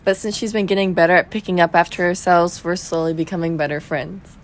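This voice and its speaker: A woman's voice: lowish voice, fairly even intonation, a little fast. A young college woman from Texas answering interview questions plainly and matter-of-factly. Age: young adult.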